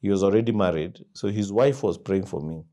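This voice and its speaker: Animated Kenyan man telling stories. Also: sits low, brisk. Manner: animated storyteller who acts out quoted dialogue and laughs loudly. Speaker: guest, company founder. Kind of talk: storytelling interview.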